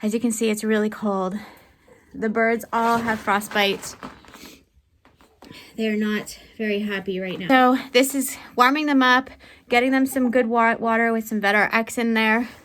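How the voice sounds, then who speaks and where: A woman with a higher-side, slightly bright voice speaks at normal speed with fairly even intonation, and a little hiss or hum is audible. As a homesteader vlogger, she chats casually to her camera while doing chores in extreme cold, outdoors and in a farm chicken coop, laughing and sighing.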